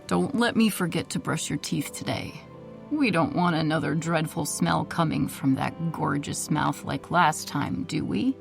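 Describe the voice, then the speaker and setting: A woman's voice: sits low, a little slow, creaky, faint music behind, exaggerated voice. A woman narrator voicing a cheery, delusional husband in an audiobook, speaking in a sing-song, falsely sweet way.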